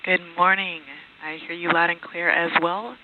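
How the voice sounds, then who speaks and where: A woman's voice: on the low side, flat delivery, moderate pace, background noise. A woman speaking as a mission director on astronaut radio, in formal procedural comm checks. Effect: radio transmission. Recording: phone-like narrow-band radio link.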